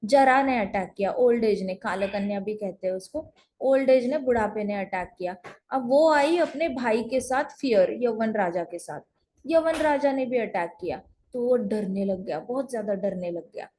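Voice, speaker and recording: A woman's voice: on the high side, expressive, moderate pace, darkish tone, slight background noise. A woman teaching at home over an online call, telling a scripture story in a chatty way and repeating phrases for emphasis.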